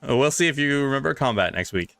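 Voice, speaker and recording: A man's voice: mid-range voice, expressive, quick pace, creaky, a bit bright, dry recording. A man acting as game master, wrapping up a live tabletop game stream and thanking viewers in a rambling, grateful way with many restarts.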